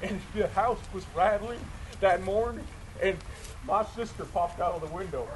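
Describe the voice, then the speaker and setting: This man's natural voice sits high and moves at a moderate pace while he plays a folksy old hermit for visitors, chuckling and rambling to the trees. Traffic passes in the outdoor background.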